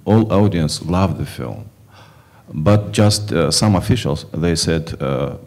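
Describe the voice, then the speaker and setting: A film director from Kazakhstan answering festival questions in halting, non-native English with many fillers and restarts. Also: male voice, low voice, darkish tone. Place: film festival stage before an audience.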